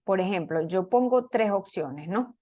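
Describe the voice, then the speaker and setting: A woman's voice: medium pitch, animated, measured pace, highs cut off. A woman teaching a programming class, walking students through code step by step and checking in with frequent questions of "¿ok?". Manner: explains step by step, many fillers and restarts, asks "¿ok?". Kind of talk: online class lecture.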